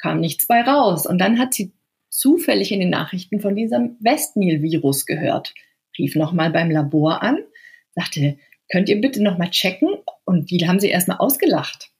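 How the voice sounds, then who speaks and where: Eine Frau, Buchautorin, die per Videoschalte lebhaft und anschaulich im Interview erzählt. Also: female voice, lowish voice, normal speed. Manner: lively, vivid storytelling. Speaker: book author and guest. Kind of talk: storytelling in an interview. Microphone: remote video call.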